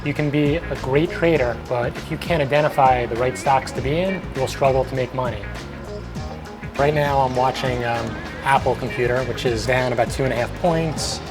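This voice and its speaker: A man's voice: mid-range voice, moderate pace. A man, a stock trader, explaining his work in plain documentary interview style. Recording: music playing clearly behind.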